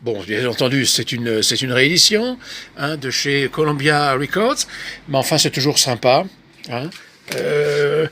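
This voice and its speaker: A man's voice: medium pitch, a bit bright. A man casually showing his record purchases on camera, hesitant, with many fillers and restarts and offhand asides. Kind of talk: casual unscripted show-and-tell.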